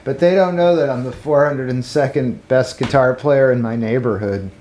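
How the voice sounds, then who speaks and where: A man's voice: medium pitch, moderate pace, a little mellow, slight background noise. A man guitarist chatting and joking about himself between songs, easygoing and playful. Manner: self-mocking jokey. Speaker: guitarist and co-host. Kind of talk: casual chat between songs.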